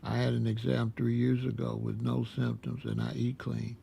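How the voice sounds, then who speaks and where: Here a man in his sixties, a vlogger, tells a personal story in a loose, wandering way, saying things twice and dropping in "uh" at pauses. The mid-range voice is creaky and warm, the delivery completely flat, with a little hiss or hum present.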